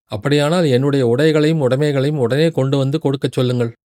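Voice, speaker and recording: A brash young warrior envoy, as a male narrator puts him on, pouring out quick, sharp complaints in an audiobook. The voice sits at an ordinary male pitch, recorded close and dry. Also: fairly even intonation, dry recording, natural voice. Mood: indignant. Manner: rapid, scolding torrent of words.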